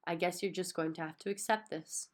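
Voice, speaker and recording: A woman voicing a kind, patient older grandmother who speaks calmly and gently. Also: lowish voice, brisk, natural voice. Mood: gentle. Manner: gentle, calm, amused.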